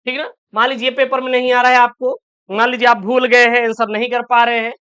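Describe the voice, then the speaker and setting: A man teaching an exam-prep lesson, reassuring his students and repeating key answers slowly, often asking and answering his own questions. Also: very high voice, flat delivery, sharp tone, smooth. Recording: dull lo-fi sound.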